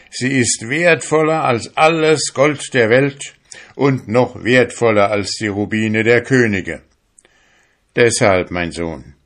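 A man's voice: mid-range voice, fairly bright tone, voice pushed up. A man voicing a stern old priest who preaches in an indignant, raised voice.

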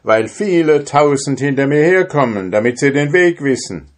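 A man's voice: on the high side, lively intonation, normal speed, voice pushed up, lightly acted. A man voicing a brave young drummer in a fairy tale, speaking in a raised, eager voice. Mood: cunning. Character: bold young drummer, fearless and cunning.

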